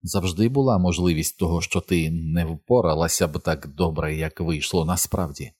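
A proud fallen angel speaks in an audiobook, voiced by a man. His tone is soft, suave and measured, with a deep, low register and quiet menace underneath. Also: husky, no room sound, clean studio sound. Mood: silky.

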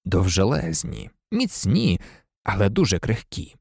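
A calm, kind teacher, as a male narrator plays him speaks low and softly, with a thoughtful pace. His voice has a gravelly texture. It is recorded close and dry. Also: a little slow, no echo, exaggerated voice. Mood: gentle. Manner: soft-spoken, thoughtful.

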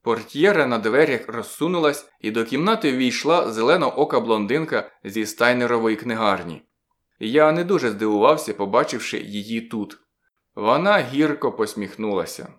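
A man narrating a first-person detective story in a measured, even audiobook reading. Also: mid-range voice.

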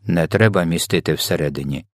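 BFG, a gentle giant, as a man puts him on. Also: deep voice, no echo, studio quality, pitched below the performer's own voice, lightly acted. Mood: good-natured. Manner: slow, muddled, garbled speech. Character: kindly huge old male giant, mangles words. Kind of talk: storybook character voice.

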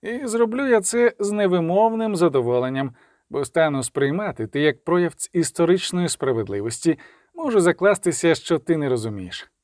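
A man voicing a cold, sardonic middle-aged male coroner who speaks in a measured, menacing way. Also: a little high, expressive, darkish tone, no echo, studio quality, lightly acted. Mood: mocking.

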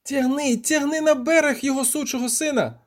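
A man performs a boastful, excitable male poet in a storybook reading. He talks in high, loud exclamations that leap around in pitch. The tone stays warm and soft-edged. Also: normal speed. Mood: shouting eagerly. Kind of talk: audiobook character voice.

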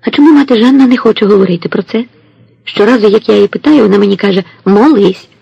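Guy doing a young woman in a storybook, soft and eager with questions, high and husky. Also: fast talker, no room sound, muffled recording, full character voice. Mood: questioning.

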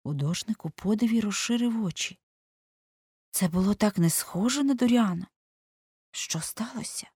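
A woman reading a classic novel aloud in a measured, expressive narration, at times dropping to a hush. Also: mid-range voice, slightly rough, no room sound, clean studio sound. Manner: measured, expressive, slowing into hushed phrases. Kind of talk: literary audiobook narration.

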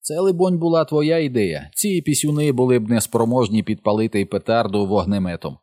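A man's voice: medium pitch, a little fast, mellow, no room sound, studio quality, natural voice. A man voicing a brash, showy, wisecracking boy of about eleven in a storybook reading. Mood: teasing.

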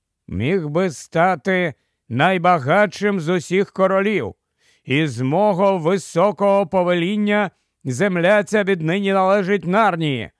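A man reading the part of a bold, enthusiastic young king in a storybook, speaking with excitement. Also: high voice, unhurried, no echo, clean studio sound. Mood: regal.

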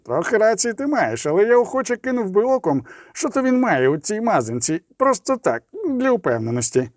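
A man voicing a gruff, suspicious male dwarf in an audiobook, with animated, wry delivery. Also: high voice, a little fast, dry recording, clean studio sound. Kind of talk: audiobook character reading.

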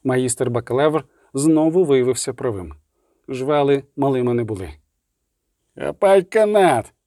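A man's voice: medium pitch, moderate pace, mellow, dry recording. Man reading a dry, close audiobook. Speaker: narrator. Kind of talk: audiobook narration.

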